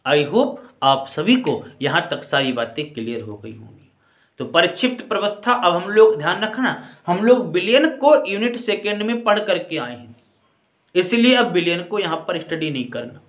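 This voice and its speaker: A man teaching chemistry in a lecture, explaining step by step, calling his students children and often asking whether everything is clear. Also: high voice, lively intonation, normal speed, a bit bright. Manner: addresses students as children and friends. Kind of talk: classroom-style lecture. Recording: echoey room.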